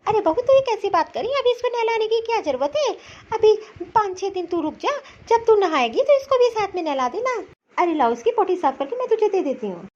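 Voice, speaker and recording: A woman's voice: very high-pitched, sing-song, a little fast, a little mellow. A woman voicing a lazy, dismissive older mother-in-law in a cartoon story, scolding and brushing off requests. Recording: slightly dull lo-fi recording.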